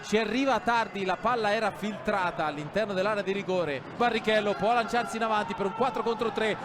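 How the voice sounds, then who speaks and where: A man giving urgent, excited play-by-play goal commentary on a football match, rising to shouts at chances. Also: sits high, brisk, music in the background, crowd noise. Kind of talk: live Italian-style goal commentary, play-by-play. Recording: clearly noisy sports hall ambience.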